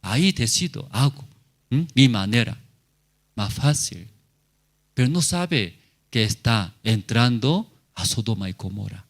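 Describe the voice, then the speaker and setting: A man's voice: on the low side, a little slow, long pauses. A male pastor preaching a sermon at a church service, speaking in short, simple phrases and often turning to the congregation with questions.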